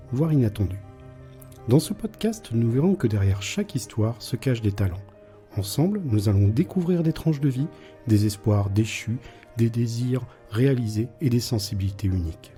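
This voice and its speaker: A man hosting a podcast, reading a measured intro and asking the guest questions. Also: mid-range voice, warm tone. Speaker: podcast host.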